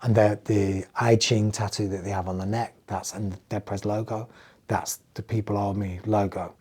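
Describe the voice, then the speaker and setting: Fairly low and slightly rough, his voice keeps a moderate pace. This middle-aged music producer from England, who has an English accent, tells animated stories as a casual podcast guest, acting out the words of the people he describes.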